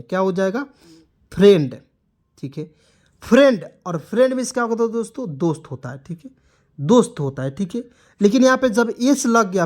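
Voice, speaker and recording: A man with a fairly high voice runs an English lesson. He spells each word out letter by letter, then drills it with repeated questions and answers. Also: a little mellow. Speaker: English teacher. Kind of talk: classroom-style spoken lesson.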